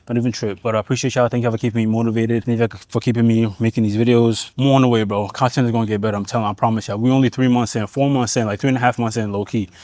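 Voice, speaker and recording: A man's voice: mid-range voice, flat delivery, racing, few pauses, dark tone, dry recording. A man vlogging from the gym, coaching viewers through a back workout in a laid-back, slangy way, a little out of breath. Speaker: fitness vlogger. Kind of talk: casual gym vlog talk to camera.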